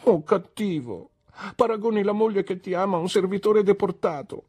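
Una donna che legge la voce di una giovane moglie offesa, in lacrime, che rimprovera con tono acuto e supplichevole. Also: female voice, moderate pace, warm tone, slightly rough, natural voice. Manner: shrill, reproachful pleading. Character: young wife, wounded and tearful. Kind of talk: audiobook reading.

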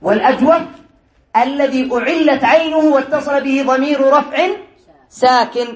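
A man's voice: very high-pitched, moderate pace. A male teacher giving a classroom lesson on Arabic morphology, reading a text aloud, explaining it, and quizzing his students. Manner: quizzes the class, answers his own questions. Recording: echoey room.

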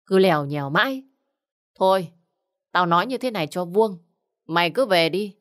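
A woman's voice: on the low side, expressive, moderate pace, close to an everyday voice. A woman voicing a rude, stingy middle-aged village man who scolds curtly. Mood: scolding. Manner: scornful, scolding, curt.

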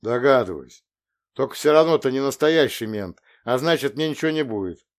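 A man reading an audiobook, voicing a sullen, tearful teenage boy who shouts accusations. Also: mid-range voice, lively intonation, fairly quick, pitched above the performer's own voice, lightly acted. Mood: defiant.

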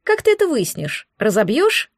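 A woman's voice: on the high side, wildly swooping pitch, moderate pace, husky, no echo, studio quality, exaggerated voice. A woman voicing a cautious, skeptical young female student friend. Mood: wary.

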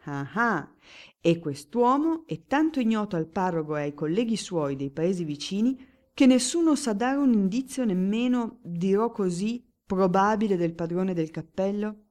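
A woman's voice: mid-range voice, expressive, moderate pace, darkish tone, natural voice. A woman voicing a dry, suspicious lawyer who speaks with emphatic courtroom oratory, in an audiobook reading. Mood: declaiming.

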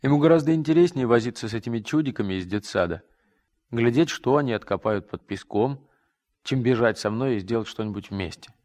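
A man's voice: mid-range voice, brisk, darkish tone. A man narrating a first-person story in a radio drama, in a reflective, rueful tone.

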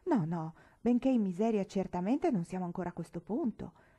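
A fond, downcast middle-aged father, as a woman reading a novel puts him on. He speaks tenderly in a warm, mellow voice heavy with sorrow. A storybook father with tears close. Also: medium pitch, expressive, a little fast, breathy edge.

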